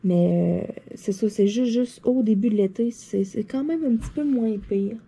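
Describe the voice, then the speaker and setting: Husky, dark-voiced Québécois woman vlogger. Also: mid-range voice, moderate pace. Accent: Québécois French. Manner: chatty, animated, lots of fillers and laughter. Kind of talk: casual anecdote storytelling to viewers. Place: seated at a desk indoors.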